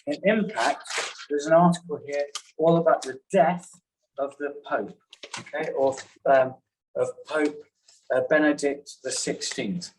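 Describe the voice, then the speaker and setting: A man teaching a journalism class in a classroom, talking in a halting way and often checking in with "okay?". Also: fairly high pitch, a little hiss or hum, poor audio. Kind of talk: classroom lecture.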